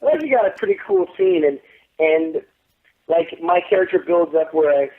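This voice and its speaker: This man in his thirties, an actor, talks on a tinny phone line in a relaxed interview, his voice slightly high and a bit fast, with slight background noise. His animated tales are profane and boastful, and he acts out other people's lines.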